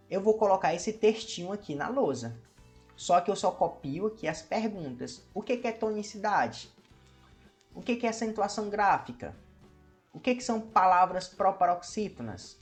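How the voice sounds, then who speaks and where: A man with a Brazilian Portuguese accent, a teacher explaining a lesson to camera and asking many rhetorical questions. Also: high-pitched. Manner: asks many rhetorical questions and addresses viewers as "meu povo".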